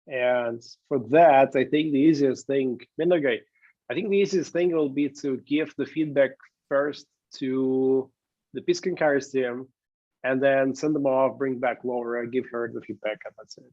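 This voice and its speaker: A man's voice: medium pitch, steady tone, moderate pace, a little mellow, no echo. Chatty man on a lo-fi call. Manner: chatty, rambling, many restarts. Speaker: moot court organizer and timekeeper. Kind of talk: casual backstage chat on a video call.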